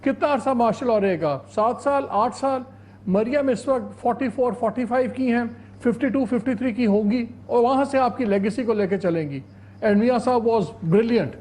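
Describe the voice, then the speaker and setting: A male guest on a political talk panel with a very high-pitched voice. He argues his case point by point. He often switches into English phrases. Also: normal speed, darkish tone. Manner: argumentative, mixes in English phrases. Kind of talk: talk show debate.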